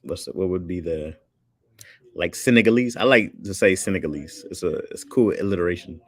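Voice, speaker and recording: Fairly quick and low-pitched, this livestream host chats casually while reading his viewers' messages. He's relaxed and rambling, laughing frequently, and there is no room sound.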